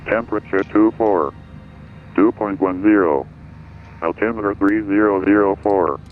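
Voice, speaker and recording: A man reading a recorded airport weather broadcast over the aircraft radio, in a flat, formal way that lists weather and runway figures. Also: sits low, slight background noise. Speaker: automated airport information broadcast. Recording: tinny narrow-band radio audio.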